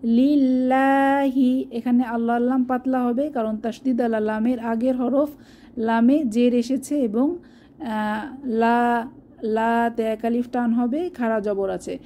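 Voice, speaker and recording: A woman with a soft, mellow voice leads a recitation lesson at an unhurried pace, drawing each recited word out long. Her voice sits a little high, and a faint hiss of room noise runs underneath. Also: fairly even intonation. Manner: slow, drawn-out demonstration of recited words between explanations. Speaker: Quran recitation teacher.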